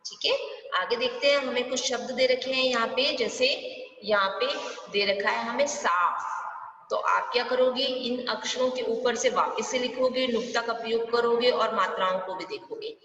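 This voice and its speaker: A woman teaching a primary school Hindi class online, patient, asking the children questions and answering them herself, and drawing words out slowly to show each sound. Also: a little high, fairly bright tone. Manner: draws words out slowly when demonstrating sounds. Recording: echoey, distant, dull room sound with faint hiss.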